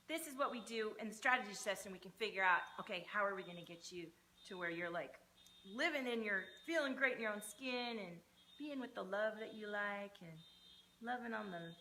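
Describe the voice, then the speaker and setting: Bright, forceful motivational woman. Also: mid-range voice, slight background noise. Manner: informal, sweary. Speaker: energy coach hosting a livestream. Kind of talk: motivational pep talk to livestream viewers.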